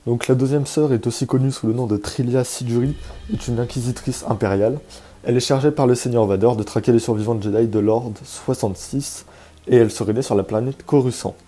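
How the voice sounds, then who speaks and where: A man's voice: mid-range voice, fairly even intonation, fairly quick, mellow. A man hosting a casual video, chatty and hesitant with many fillers and joking asides, over faint background music. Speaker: YouTube host presenting a game character.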